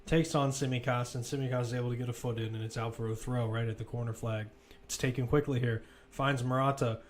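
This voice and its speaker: Speaking quickly at a medium pitch with fairly even intonation, a man delivers live football play-by-play. He describes the action as it happens in short, clipped, present-tense phrases.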